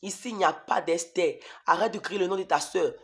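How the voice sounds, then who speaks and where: A man voicing a menacing male devil who shouts harsh orders from afar. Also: high-pitched, a little fast. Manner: harsh, hateful commanding shout.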